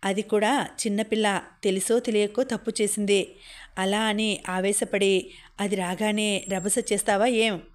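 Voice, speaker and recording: A woman reading the part of a calm middle-aged man who gently reasons with his angry friend in an audio novel. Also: sits high.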